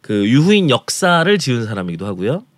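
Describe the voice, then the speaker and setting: A man tells his food travel stories on a radio talk show, going through each dish in careful detail. His pitch rises and falls a lot as he talks. The sound is dry and close. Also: sing-song, brisk, dry recording. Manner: detailed, descriptive storytelling about restaurants. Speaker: food travel segment presenter.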